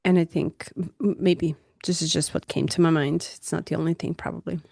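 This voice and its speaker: A woman's voice: lowish voice, brisk, gravelly, breathy edge, no echo, clean studio sound. Passionate woman co-hosting a reflective talk. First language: not English. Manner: passionate, animated, laughs often. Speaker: podcast co-host. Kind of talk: casual reflective conversation.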